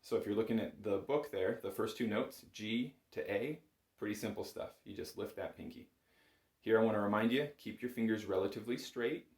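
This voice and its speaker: In a small home music room that echoes, a bagpipe teacher talks through a lesson in a fairly low, darkish voice, a little fast. A faint hiss or hum sits under his patient, encouraging, step-by-step explanations.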